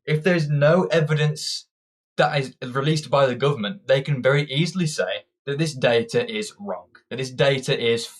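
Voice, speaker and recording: A young man from Britain, working as a political commentator, speaks at medium pitch and normal speed. He delivers a combative, ranting monologue full of opinion, and he often restarts what he's saying.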